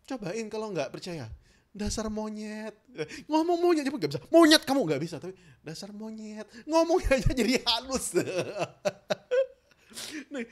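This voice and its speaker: A self-help trainer giving an instructional talk, addressing viewers directly and coaxing them along, acting out tense and relaxed ways of speaking. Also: mid-range voice. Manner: animated, demonstrates tense versus relaxed speech.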